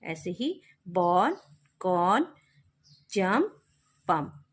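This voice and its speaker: A woman teacher explaining a kindergarten English lesson, spelling out words letter by letter and then saying each one slowly. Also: fairly low pitch, big pitch swings, a little hiss or hum.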